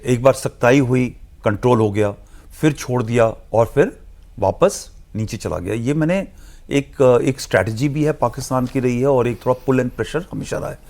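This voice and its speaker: Gravelly man explaining earnestly. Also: mid-range voice, normal speed, a little mellow. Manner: earnest, emphatic, mixes in English phrases. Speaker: studio guest analyst. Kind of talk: explanatory studio discussion.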